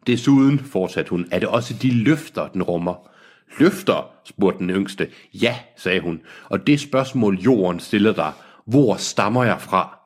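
A man with a low, husky voice reads a pulpy story aloud. He keeps stopping to poke fun at the prose and laughs at his own asides. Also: expressive. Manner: laughing, mocking the text as he reads. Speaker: reader of a novel on a comedy podcast. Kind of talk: reading aloud with joking asides.

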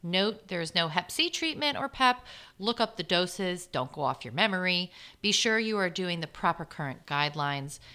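Woman, medical podcast co-host, low-ish bright voice, brisk and lighthearted. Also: clean tone. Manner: brisk, playful, list-like. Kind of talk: educational medical podcast talk.

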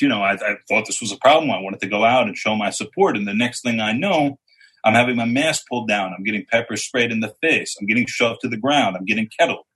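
A man on a discussion panel who explains things in a measured and wry way. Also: fairly low pitch, fairly bright tone, husky, rough recording. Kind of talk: casual political discussion.

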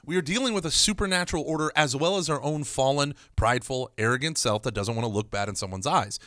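A man teaching about confession in a lively, emphatic conversational way, with jokey storytelling. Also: medium pitch, quick pace, no room sound, studio quality.

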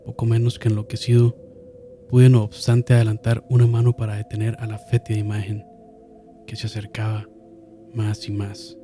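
A man narrating a horror story in a slow, solemn manner, dropping to a hush and swelling again. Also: lowish voice, monotone, music in the background. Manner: slow, solemn, with hushed drops and sudden swells. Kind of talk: dramatic horror story reading.

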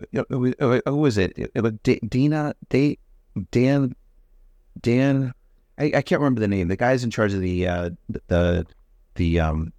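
A man co-hosting a podcast in casual conversation, talking haltingly with many restarts and stammers. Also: lowish voice, darkish tone, dry recording, studio quality. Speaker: podcast co-host.

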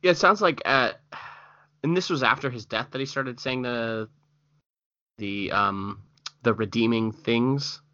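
A man's voice: medium pitch, a little slow, long pauses, sharp tone, dry recording, muffled recording. A man co-hosting a casual true-crime podcast, reacting with skeptical, dry remarks and questions. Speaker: podcast co-host.

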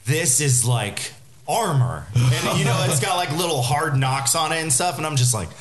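A man's voice: a little high, brisk, fairly bright tone. A man co-hosting a podcast in casual chat, telling stories hesitantly with lots of fillers. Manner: rambling, hesitant storyteller with many fillers. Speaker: podcast co-host.

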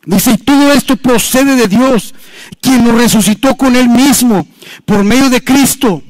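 Man, preacher, very high-pitched, impassioned, sinks low and soft on asides, dry sound. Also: measured pace, no room sound. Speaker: pastor. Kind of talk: sermon.

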